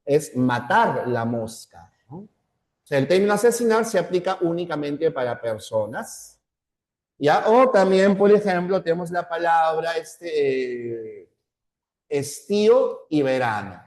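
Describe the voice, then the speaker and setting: A man with a Peruvian Spanish accent lectures in a somewhat high voice. He keeps repeating key terms and checking in with "¿ya?". He slows down to lay out examples one by one. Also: animated, darkish tone. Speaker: teacher. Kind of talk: classroom lecture.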